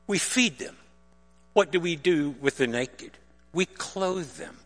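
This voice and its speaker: Lively preacher in a ringing hall. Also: male voice, fairly high pitch, takes it slowly, faint music behind. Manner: animated, asks the listeners rhetorical questions; explains religious terms plainly. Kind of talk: sermon.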